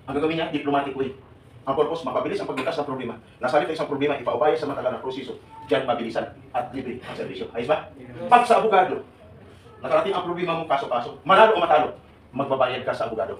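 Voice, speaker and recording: Older man, 70s, live seminar speaker, quick and joking, echoey hall recording. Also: mid-range voice, recorded from a distance, a little hiss or hum. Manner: animated, joking, questioning the audience. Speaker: OFW advocate speaking to workers. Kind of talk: live seminar talk to a crowd. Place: large hall with an audience.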